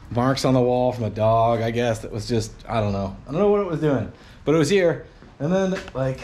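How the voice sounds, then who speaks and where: A man in his forties, a garage channel host, musing aloud in a casual, rambling way while clearing out a cluttered old workshop, filmed on a handheld action camera. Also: medium pitch, a little mellow, a little hiss or hum. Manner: rambling, musing, lots of fillers and trailing thoughts. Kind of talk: casual vlog commentary while cleaning. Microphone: action camera held at arm's length.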